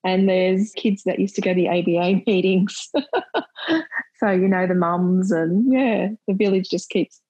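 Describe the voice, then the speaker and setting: Brief: middle-aged woman, husky lowish voice, dry close sound, chatty with easy laughs. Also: fairly even intonation, measured pace, warm tone, no echo, poor audio. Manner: chatty, laughs often, earnest. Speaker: maternal and child health nurse and volunteer. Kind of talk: casual interview chat.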